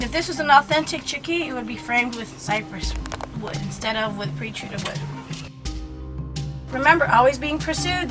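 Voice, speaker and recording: A woman's voice: sits high, poor audio. A woman tour guide speaking to a group in a chatty, explanatory way, often putting questions to her listeners. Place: outdoors on a moving tour buggy.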